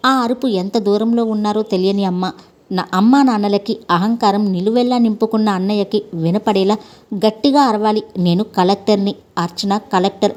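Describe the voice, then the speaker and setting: A woman reading a story aloud as narrator, voicing the characters' lines in the same steady storytelling voice. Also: medium pitch. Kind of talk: scripted narration.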